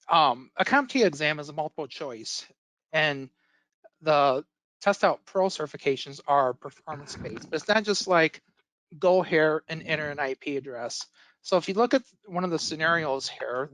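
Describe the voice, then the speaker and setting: This IT instructor, hoarse from an illness that's taking his voice, runs a casual webinar on a computer mic with frequent fillers and restarts. His pitch is fairly high and a bit bright at a moderate pace, and the rough recording has no echo.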